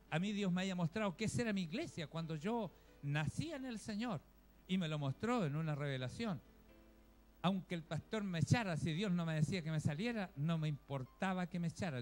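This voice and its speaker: A Chilean man preaching in a relaxed, storytelling way, his voice pitched notably high for a man. He speaks to the congregation as brothers and sisters. Faint music plays softly behind him. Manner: homely storytelling, often addresses listeners as brother. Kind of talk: conversational sermon.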